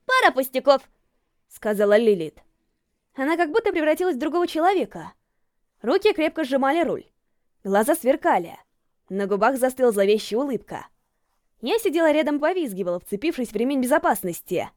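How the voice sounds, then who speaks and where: A woman narrating a story in the first person with lively storytelling. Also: sits high, a little fast, dry recording, clean studio sound. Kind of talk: storybook reading.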